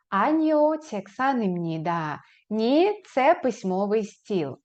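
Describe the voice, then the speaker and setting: A woman teaching a beginners' language lesson, modeling phrases slowly and raising her pitch on questions. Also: darkish tone. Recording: slightly dull, lo-fi recording.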